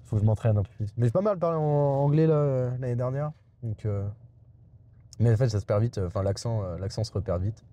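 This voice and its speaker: A man's voice: mid-range voice, brisk, warm tone. A young adult man vlogging from inside a car, rambling and digressive, with many hesitations and restarts. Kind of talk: rambling casual monologue.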